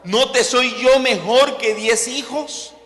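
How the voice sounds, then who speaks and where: A man's voice: extremely high pitch, takes it slowly, a bit bright, voice pushed up, heavily acted. A man voicing a biblical husband who pleads with his wife in a string of questions. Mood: pleading. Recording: echoey church hall with long reverb.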